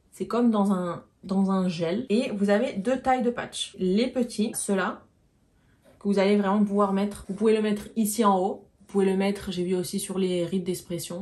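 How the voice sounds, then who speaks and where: A woman beauty vlogger talks through her haul in a relaxed, chatty way, addressing viewers directly as she explains each product. Her voice is warm and mellow, never sharp. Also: mid-range voice. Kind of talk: casual product haul chat.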